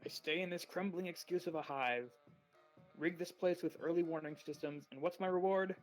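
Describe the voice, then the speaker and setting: A furious young troll boy with a gravelly voice rants and swears in a manic tirade, as a man acts him out. His voice sits a touch high for a man. He sounds permanently enraged, as if everything around him is a personal insult. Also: normal speed, faint music behind, lightly acted, rough recording. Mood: furious ranting.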